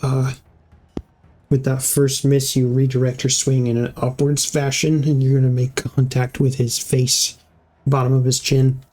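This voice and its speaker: A man narrating combat as game master of a tabletop game, halting with many fillers and restarts. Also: mid-range voice, monotone, a little mellow.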